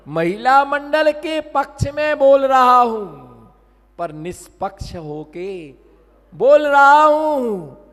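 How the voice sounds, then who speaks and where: A man preaching a sermon, slowly drawing out exclamations and calling on his listeners to repeat his lines. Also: high voice, a bit bright. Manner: calls on the audience to repeat lines. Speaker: Jain monk preaching. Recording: long hall reverb.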